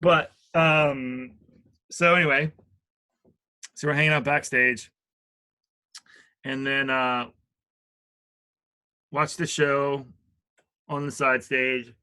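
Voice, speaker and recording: A middle-aged man from Richmond, Virginia recounts a memory in a loose, rambling way. His voice has a bright, forward tone. He takes his time, stopping on fillers and restarting his sentences. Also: medium pitch, steady tone, slow, pauses often, smooth. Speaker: storyteller. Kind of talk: casual storytelling.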